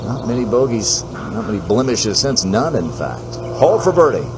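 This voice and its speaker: A man's voice: fairly low pitch, very animated, normal speed, noisy background. A man working as lead golf commentator, announcing scores and handing between holes. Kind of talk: live golf tournament commentary.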